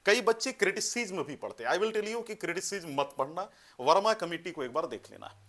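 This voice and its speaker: A man with a high, animated, fairly bright voice teaches an exam-prep lecture a little fast, giving step-by-step directions. He mixes English terms into his Hindi and frequently adds tags like "है ना" and "you know."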